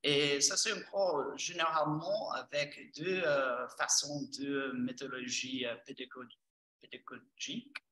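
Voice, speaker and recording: A man with an American accent in French, a native English speaker, gives an informal presentation of courses. His delivery is slow and halting as he searches for words. The voice is bright and forward in tone, caught at a distance in an echoing room. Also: medium pitch, fairly even intonation. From Texas, United States. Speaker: teacher trainer presenting courses. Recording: roomy echo, distant from microphone.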